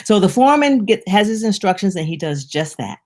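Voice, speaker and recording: A woman giving an inspirational devotional talk, retelling a parable in a lively storytelling way, with frequent restarts and personal asides. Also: medium pitch, fairly quick. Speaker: inspirational speaker.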